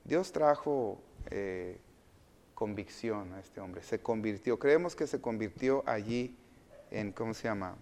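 Speaking in a lowish voice, a male pastor delivers a sermon where he asks the congregation questions and supplies the answers himself, alternating loud emphatic lines with hushed asides.

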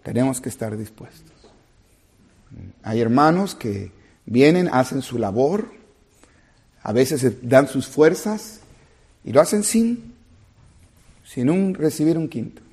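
Husky pastor preaching, loud then hushed. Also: male voice, expressive, slow pace, long pauses. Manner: earnest, rising to loud emphatic peaks then dropping soft and low. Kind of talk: sermon.

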